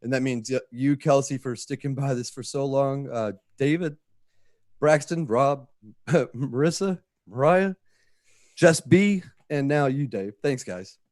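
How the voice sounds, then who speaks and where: Here the man's voice is mid-range and darkish, his delivery a little slow. A writer and filmmaker, he addresses a group casually and from the heart, with plenty of swearing and frequent doubling back. The sound is studio quality with no room sound.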